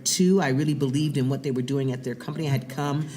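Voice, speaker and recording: A middle-aged woman, a business owner, talking as a guest in a casual interview, animated and often repeating words as she starts a thought. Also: a bass voice, fast.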